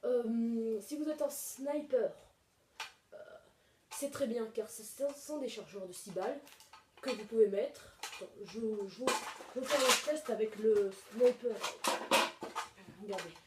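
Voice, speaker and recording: A woman's voice: fairly high pitch, animated, unhurried, noisy background. Rambling woman with an echoey, far-off mic. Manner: rambling, many hesitations and fillers. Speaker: video host reviewing toy blaster magazines. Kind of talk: casual home video review.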